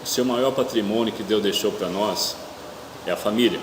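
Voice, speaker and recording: Brazilian preacher with toothache, echoey hall. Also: male voice, fairly low pitch, moderate pace. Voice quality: speech slightly hampered by toothache. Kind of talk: church sermon. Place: indoor church hall with noisy ambience. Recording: echoey reverberant hall, clear room hum.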